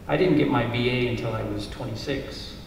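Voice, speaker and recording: A man's voice: mid-range voice, fairly quick, a little hiss or hum. A middle-aged man reading an earnest, encouraging commencement speech from notes at a stand mic on a stage. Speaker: university lecturer giving a commencement speech. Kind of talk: prepared speech read from notes. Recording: roomy hall sound, heard from a distance.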